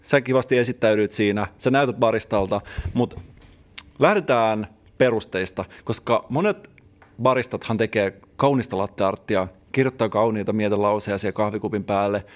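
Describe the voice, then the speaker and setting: Mock-serious male podcast host. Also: fairly low pitch. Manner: mock-serious teacherly riffing. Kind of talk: casual comedic podcast chat.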